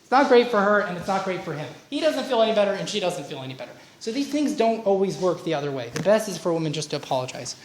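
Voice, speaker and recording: A man's voice: sits high, sing-song, fast talker, few pauses. A man leading a relationship workshop, talking informally with personal stories and asides. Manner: chatty lecturing with personal anecdotes and asides. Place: workshop room at a community centre. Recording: roomy room recording.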